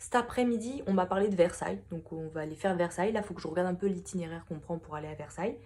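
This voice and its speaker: A young adult woman with a lowish, darkish voice talks fast while vlogging from a hotel room on her phone camera. Her chat is casual and rambling, full of laughter, and she's coming down with a cold.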